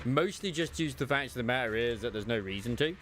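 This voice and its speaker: A man's voice: mid-range voice, lively intonation, fast talker, fairly bright tone, a little hiss or hum. A man giving casual, chatty live commentary as he plays a game, often muttering to himself. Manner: chatty, muttering to himself, sing-song asides. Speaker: gaming streamer.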